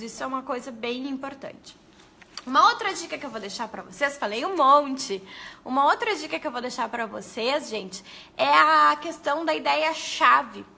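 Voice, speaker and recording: A woman, a pedagogue, giving a lively live lesson to teachers and talking straight to her viewers. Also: high-pitched. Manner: lively, animated, addresses viewers as "gente".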